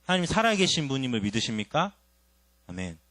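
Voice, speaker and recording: A man's voice: mid-range voice, sing-song, fast talker, fairly bright tone, no echo. A young man preaching a sermon, telling his own testimony and putting questions to the congregation.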